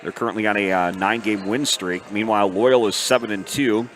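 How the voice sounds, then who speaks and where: A man's voice: on the low side, steady tone, brisk. A man giving local pregame sports commentary as a broadcast announcer. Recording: faint gym noise behind.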